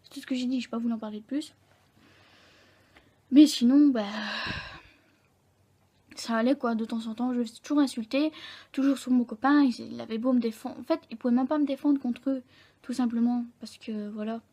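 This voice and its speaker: A young woman speaks to camera in a vlog, telling a personal story. Her voice sits a little high but has a soft, mellow tone. She talks candidly and haltingly, often stopping to correct herself. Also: fairly even intonation. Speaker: vlogger.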